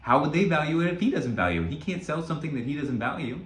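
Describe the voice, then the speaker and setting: A man's voice: a little high, very animated, fast talker, reverberant. A man coaching listeners in a spoken motivational lesson, telling a story and often checking in with "right?". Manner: earnest, storytelling, frequent "right?" check-ins. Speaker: self-help coach.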